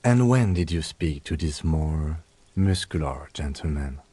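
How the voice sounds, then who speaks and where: A man playing a stern, composed police lieutenant in a video game, formal and measured as he questions. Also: a bass voice, animated, dark tone, slightly rough, dry recording, full character voice. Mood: probing. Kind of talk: video game character acting.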